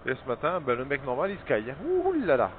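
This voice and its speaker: Male vlogger, voice muffled inside a motorbike helmet, halting and chatty, tinny lo-fi sound with light background noise. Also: medium pitch, huge pitch swings. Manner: chatty, halting, many fillers. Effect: talking inside a motorbike helmet. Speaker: crane operator. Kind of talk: casual vlog while riding. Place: outdoors on a small motorbike.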